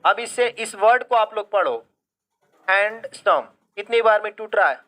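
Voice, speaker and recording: Male teacher running a live online class, bright forceful tone, poses questions then answers them. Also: high voice, normal speed. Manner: keeps checking if students understand; mixes English phrases into Hindi explanation. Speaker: English grammar teacher.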